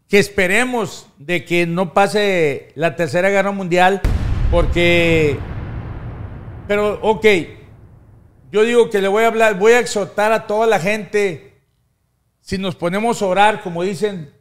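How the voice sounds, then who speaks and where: A high-pitched man holds forth in a casual studio chat, rambling and animated as he waves his hands. He speaks close into a boom microphone in a small studio. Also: unhurried, slight background noise. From United States. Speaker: talk show host. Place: small studio with brick wall and blue lights. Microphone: studio mic on boom, headphones.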